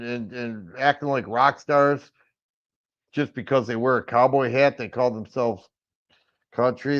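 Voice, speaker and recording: A middle-aged, raspy-voiced man from Michigan hosts a firearms livestream, casually answering viewers and rambling with frequent stammered restarts. His pitch is average, and the audio is dull, muffled lo-fi.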